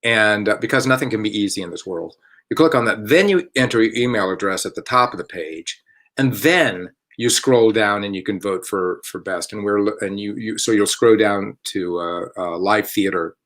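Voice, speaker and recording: A man's voice: on the low side, moderate pace, a bit bright. A man hosting a casual online chat for a theater company from home. He rambles, corrects himself and chuckles often. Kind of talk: casual live-stream chat.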